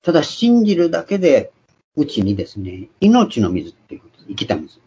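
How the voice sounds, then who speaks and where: A man preaching a sermon, emphatic and shouting out quoted cries. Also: on the high side, huge pitch swings, fairly quick, slightly rough. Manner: emphatic, raises voice sharply for quoted exclamations. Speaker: pastor. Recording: dull lo-fi recording.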